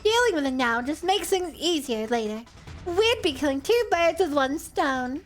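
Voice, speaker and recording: A woman voicing a haughty, bloodthirsty young woman in a video game, theatrical and forceful. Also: high-pitched, very animated, normal speed, faint music behind. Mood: haughty, eager. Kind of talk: visual novel read-aloud.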